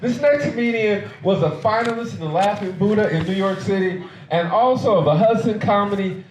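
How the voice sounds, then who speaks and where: A man's voice: sits high, normal speed. A man hosting a comedy show, introducing the next comic with upbeat announcer patter. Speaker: show host. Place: comedy club stage with audience. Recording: roomy club with faint crowd noise.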